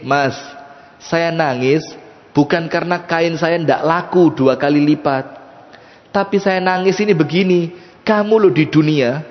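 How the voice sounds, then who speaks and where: A man voicing a distressed, pious male weaver who pleads earnestly. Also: a little high. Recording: echoey hall, dull sound.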